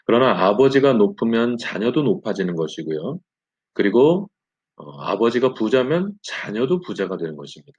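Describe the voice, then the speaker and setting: A Bible study teacher with a slightly husky voice tells a story in an animated way, his pitch ranging widely. He fills pauses with the short affirming word "예," and the recording is dull and lo-fi.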